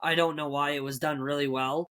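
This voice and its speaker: Guy in his 30s on a podcast, bright edgy voice, kinda stumbly, lots of uh. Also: on the high side, flat delivery. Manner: halting, lots of uh and restarts. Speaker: podcast co-host. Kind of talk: casual horror movie chat.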